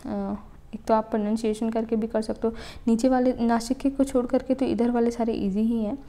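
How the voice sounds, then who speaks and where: Woman teaching letters, mellow voice. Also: fairly high pitch, steady tone. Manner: explains step by step, repeating "ठीक है" to check understanding; sounds out letters slowly for pronunciation. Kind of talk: exam-prep Hindi grammar lesson.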